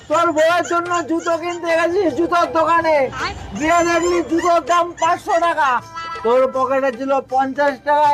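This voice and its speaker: A very high, cartoonish voice from a man acting as a quarrelsome town drunk. He taunts and challenges like a boozy know-all in a comedy skit, with music playing behind him. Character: argumentative town drunk man posing silly trick riddles.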